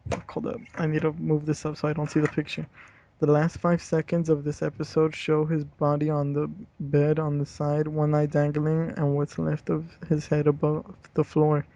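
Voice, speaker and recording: A young man reads a horror story aloud and chats casually, using slangy, profane language. His fairly high, mellow voice stays monotone at a moderate pace, and the home recording sounds dull, lo-fi, and roomy.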